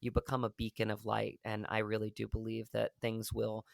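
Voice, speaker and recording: A man's lowish voice comes through completely flat and brisk, with vocal fry, in a studio-quality recording free of room sound. He's an actor on a podcast, speaking earnestly and at length in a casual interview with many fillers and restarts.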